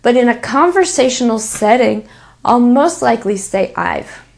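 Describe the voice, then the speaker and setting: A woman from Texas with a Texan American accent, teaching English pronunciation in a patient, deliberate manner and repeating example sentences. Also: fairly high pitch, expressive, gravelly. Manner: repeats example sentences slowly, stressing key words. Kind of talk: slow, deliberate spoken English lesson.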